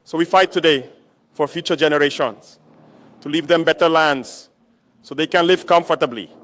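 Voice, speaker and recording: A man's voice: fairly high pitch, moderate pace, fairly bright tone. A man giving a rallying political speech to troops as a military leader, exhorting them with repetition and rhetorical questions.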